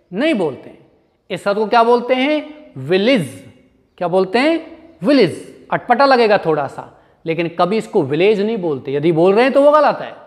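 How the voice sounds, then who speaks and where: A man's voice: high-pitched, in a large hall. A male teacher with an Indian English accent gives a grammar lesson, asking his pupils questions and then answering them himself, and spelling words out letter by letter.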